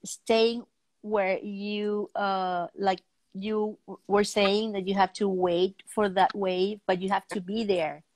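This talk show host, a woman in her fifties, chats casually about art over a video call from her home. She speaks at a medium pitch with a level, slightly mellow tone and no room sound, pausing hesitantly mid-sentence as she searches for the right words.

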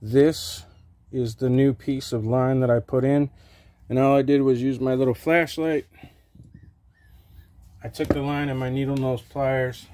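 A middle-aged man who hosts small-engine repair videos narrates a fix step by step at his home workshop bench, which is open to the outdoors. His warm, medium-pitched voice keeps a steady tone at a measured pace with frequent pauses. He's casual, plain and practical, saying "okay" often.

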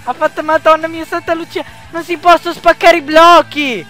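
A young male gamer commenting on a game in a panicky, shrieking way, yelling words over and over. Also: extremely high pitch, steady tone, normal speed. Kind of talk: frantic gameplay commentary. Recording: game music behind.

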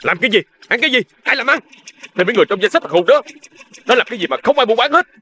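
An actor playing a hot-headed male gangster in a shouting, abrasive quarrel. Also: very high voice, animated, very fast, a little hiss or hum, full character voice. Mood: heated. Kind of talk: crime drama acting.

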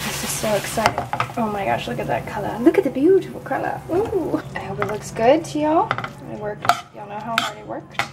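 Her voice is on the high side, expressive, creaky, and fairly quick. This woman in her twenties clowns through a silly home cooking show in a small kitchen, filmed by hand at arm's length, playfully mocking herself. Heavy background noise and sixties French pop fill the recording.

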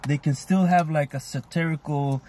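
A man's voice: on the high side, steady tone, normal speed, warm tone, a little hiss or hum. A man co-hosting a food vlog, musing at length in a loose, thoughtful way with lots of fillers. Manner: thoughtful, rambling, many fillers. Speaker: co-host. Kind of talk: casual chat while eating.

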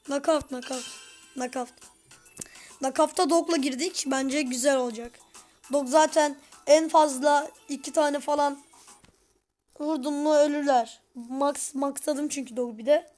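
A young woman giving excitable live commentary on her gameplay, shouting orders at her teammates. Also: high voice, measured pace, faint music behind. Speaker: gaming video host.

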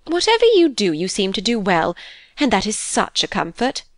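A woman's voice: medium pitch, huge pitch swings, moderate pace, no room sound, clean studio sound. A woman reading an audiobook, voicing a gushing elderly lady of the house in a raised, emphatic voice.

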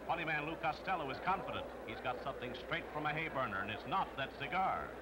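A man narrates in brisk, upbeat 1940s newsreel commentary, his voice sitting a little high for a man. The old newsreel soundtrack carries heavy, constant hiss and noise throughout. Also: lively intonation. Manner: brisk, upbeat announcer delivery. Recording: noisy 1940s film soundtrack.

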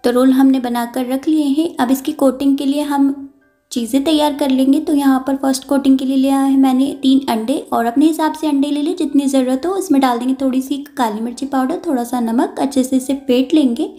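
A woman with a brisk, high-pitched voice hosts a cooking channel, narrating each recipe step calmly and instructively, then repeating and clarifying it. Faint music sits behind her.

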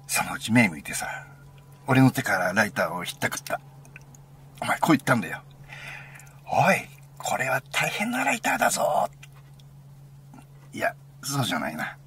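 A man reading a first-person story aloud as an intimate, conversational monologue, sometimes dropping into a hushed near-whisper. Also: low-pitched, a little hiss or hum. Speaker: narrator.

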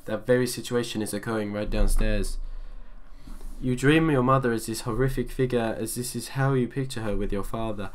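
A man playing a calm protective teddy bear. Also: mid-range voice, natural voice. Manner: calm, patient, explaining. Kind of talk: amateur audio drama.

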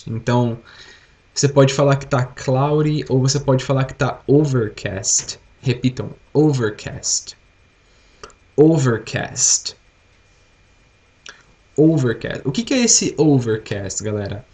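Teaching English live online, a young Brazilian man speaks at normal speed in a dark, expressive, medium-pitched voice with a Brazilian Portuguese accent. He is patient in his explanations, drilling vocabulary and asking the class to repeat it.

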